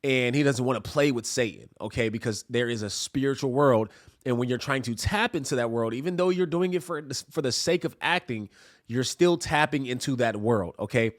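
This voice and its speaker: A man's voice: medium pitch, fairly quick. A man hosting a reaction video, commenting earnestly on clips and punctuating points with "okay?". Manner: earnest, preachy, repeats "okay?".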